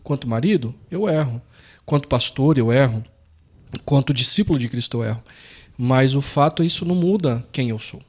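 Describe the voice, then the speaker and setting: A man's voice: mid-range voice, moderate pace, a little mellow. A man with an ordinary mid-range voice, talking as a pastor in a casual conversation. He speaks earnestly and reflectively and comes back to key phrases for emphasis. He is from Brazil. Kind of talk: casual chat.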